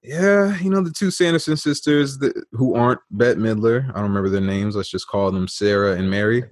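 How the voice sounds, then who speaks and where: A man's voice: on the low side, a little fast, dry recording, clean studio sound. A man co-hosting a podcast, chatting casually about a film with wry jokes. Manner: joking, wry asides. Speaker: podcast co-host. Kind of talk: casual movie-review chat.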